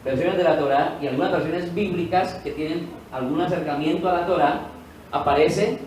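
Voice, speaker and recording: In an echoey room, captured from a distance with faint ambience and slight background noise, a male pastor teaches at a normal speed. His voice is a little high and a little mellow, and he asks the congregation questions, answers them himself and repeats key words for emphasis.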